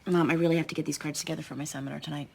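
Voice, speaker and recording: A woman's voice: deep voice, fairly even intonation, racing, creaky, slight background noise. An actress playing a frazzled, firm woman in her thirties, a mother laying down rules. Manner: exasperated, firm. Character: frazzled, stern young mother. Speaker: mother and judge.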